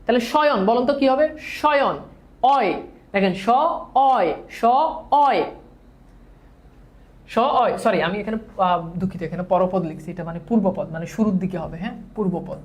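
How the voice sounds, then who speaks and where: A woman's voice: medium pitch, fast talker, a little mellow. A woman teaching grammar in a classroom lecture, leading students in call-and-repeat drills, mixing English words into her speech, and correcting herself patiently.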